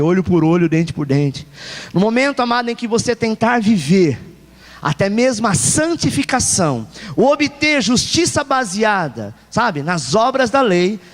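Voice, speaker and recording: A man's voice: sits high, very animated, normal speed. A male pastor with a Brazilian Portuguese accent preaching a sermon, emphatic and repeating key phrases. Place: church hall. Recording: long church hall reverb.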